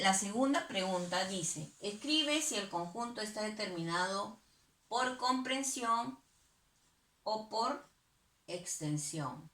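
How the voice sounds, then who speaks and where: Slow, patient woman teaching a math class. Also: mid-range voice, fairly bright tone, echoey room. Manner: slow, patient, asks and answers her own questions. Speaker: primary school teacher. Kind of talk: virtual math lesson.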